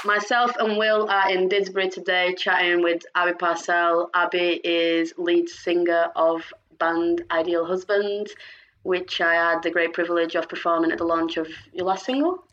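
A woman's voice: lowish voice, fairly even intonation, moderate pace, a bit bright, highs cut off. A woman co-hosting a podcast, introducing and interviewing guests in a casual, informal way. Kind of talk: casual chat.

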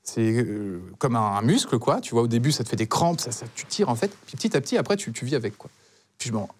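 Animated fortyish man telling a story. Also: mid-range voice, fast talker, breathy edge. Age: 40s. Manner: animated, rambling, frequent restarts and fillers. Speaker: charisma coach. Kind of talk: casual comic chat, storytelling.

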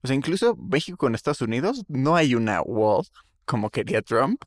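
Un hombre joven con acento mexicano, copresentador de un pódcast, opinando en charla casual con muchas muletillas y groserías. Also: male voice, medium pitch, sing-song, a little fast, no room sound, studio quality. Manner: opinionated, slangy, rambling. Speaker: podcast co-host. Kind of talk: casual chat.

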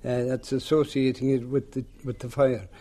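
An elderly man with a rural western Irish accent tells a tale aloud in a lilting, unhurried storyteller's way. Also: mid-range voice, little pitch movement, dark tone. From rural west of Ireland. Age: older, seventies or above. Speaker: local folklore teller. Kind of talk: oral storytelling in an interview.

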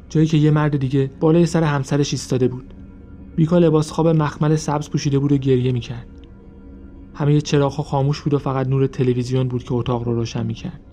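A man reading a scripted true-crime story in an even, measured storytelling manner. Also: fairly high pitch, lo-fi sound. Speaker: podcast narrator.

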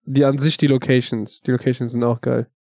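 A man asks questions in a slangy, casual podcast chat. His voice is darkish and mellow at a middle pitch. The recording is dry and close. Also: little pitch movement, brisk, dry recording. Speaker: podcast co-host.

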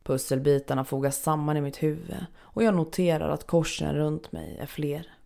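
A woman with a low, gravelly voice reads a first-person story aloud. Her delivery is measured and somber. She takes her time over each sentence. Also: mellow. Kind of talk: first-person scripted narration.

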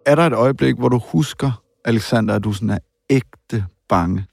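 Gravelly male documentary interviewer. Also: medium pitch, darkish tone, no room sound. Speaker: interviewer and narrator. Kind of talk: documentary narration and interview questions.

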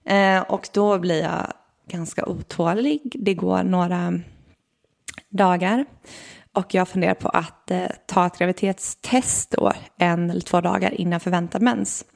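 A young woman telling a personal story in a casual, animated way and acting out what people said. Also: on the low side, creaky. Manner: animated storyteller, acts out quotes. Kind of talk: casual chat.

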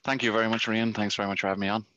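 A company founder from County Galway, with a west of Ireland accent, rambles through casual stories as a podcast guest. His fairly low voice is level and sharp and races along; the recording has no room sound and the highs are cut off.

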